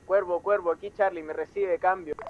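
A man's voice: high voice, steady tone, moderate pace. A man calling in over a two-way radio, speaking in clipped radio procedure as a team member. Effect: heard over a two-way radio. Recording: muffled radio transmission with faint noise.

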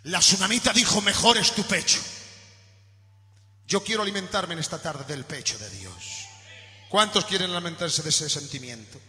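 A man from Spain preaching a sermon in a church, shouting at his peaks and dropping low in between. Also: expressive, normal speed. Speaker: pastor. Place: church hall. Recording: echoey church hall recording with faint music.

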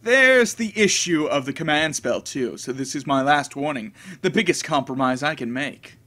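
A man playing an arrogant warrior spirit, condescending, dismissive, bright tone. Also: a little high, expressive, normal speed. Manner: dismissive, lecturing.

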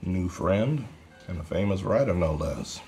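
A crude, joking bar regular. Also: male voice, sits low, expressive, a little slow, dark tone, soft background music. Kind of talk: film dialogue.

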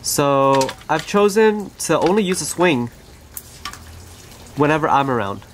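A pet bird owner and channel host gently narrating pet footage in a casual, conversational way, recorded on the camera mic in an outdoor aviary. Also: mid-range voice, lively intonation, measured pace, slight background noise.

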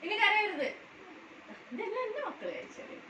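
A woman with a very high, piping voice plays a mother in a home skit, coaxing and scolding little ones in sing-song baby talk. She sounds distant from the mic in an echoey room, with clear household noise behind her. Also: wildly swooping pitch, moderate pace.

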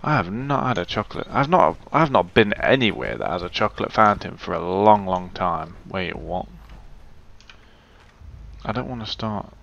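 A man's voice: low-pitched, expressive, moderate pace, gravelly, fairly bright tone, lo-fi sound. A man giving casual, muttering gameplay commentary and swearing freely. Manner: chatty, swears, mutters to himself. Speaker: let's play gamer.

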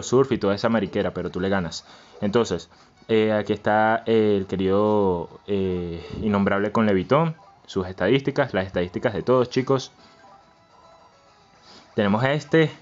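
A man hosting a let's-play, chanting and repeating words and swinging between low mutters and yells. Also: lo-fi sound. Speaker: gaming channel host. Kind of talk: excited let's-play commentary.

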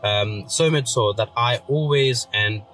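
A Pakistani-born commentator in his thirties, whose first language is Urdu, earnestly delivers a casual video rebuttal from a parked car, using lots of fillers. His voice is medium-pitched and a little slow. The phone recording is poor, with music in the background.

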